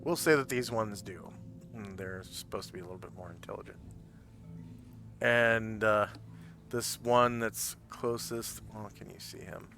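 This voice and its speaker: A man improvising narration as a tabletop game master, explaining things haltingly as he thinks aloud. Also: on the low side, vocal fry, pushed and bright, faint music behind.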